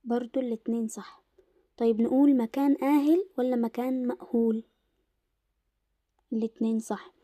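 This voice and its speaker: A young woman with an Egyptian Arabic accent teaching an Arabic lesson in a casual explanatory way, slowing down to stress word pairs. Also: a little high, fairly even intonation, dark tone, no room sound, studio quality.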